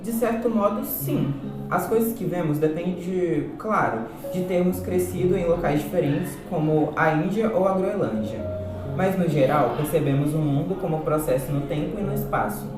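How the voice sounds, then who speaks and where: A Brazilian actor in an amateur student radio drama portrays a patient philosophy teacher explaining things step by step. He speaks at a moderate pace in a natural, fairly high-pitched voice. Loud music plays behind him, and the sound is distant and full of echo.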